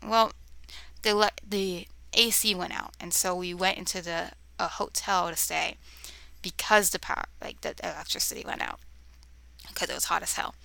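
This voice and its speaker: A woman's voice: fairly low pitch, fairly even intonation, normal speed, vocal fry, bright, forceful tone, dry recording. A young woman vlogger telling spooky stories to a cheap camera mic at home, rambling with many fillers and often dropping to a whisper. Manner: easily distracted, talks to her cat. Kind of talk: casual storytelling to camera. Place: bedroom near a road, windows open.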